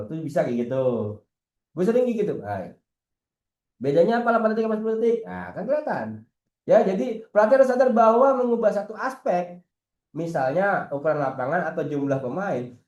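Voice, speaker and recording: Male coach, casual and teasing, lively delivery, roomy echo. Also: high voice, fast talker. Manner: lively, slangy, teasing, asks rhetorical questions. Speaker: football coach. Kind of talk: casual internal coaching meeting.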